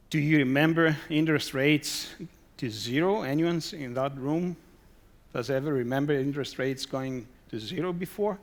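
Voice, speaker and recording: Guy presenting at a conference, reads out his slide titles, throws rhetorical questions and dry little asides at the room, middle-aged. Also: fairly high pitch. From Greece. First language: Greek. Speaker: conference speaker.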